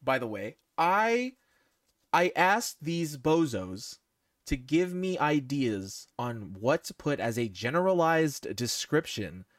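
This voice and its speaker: A man hosting a casual podcast with friends, telling a story in animated, mock-exasperated bursts. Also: on the high side, takes it slowly, dry recording, studio quality. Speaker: podcast host. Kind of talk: casual chat among friends.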